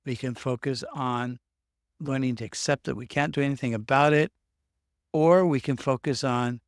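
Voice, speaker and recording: Recorded cleanly in a studio without echo, a self-help video host based in Norway, English his first language, explains ideas on worry off the cuff in a mid-range voice. His delivery is loose and rambling, with frequent mid-sentence word restarts.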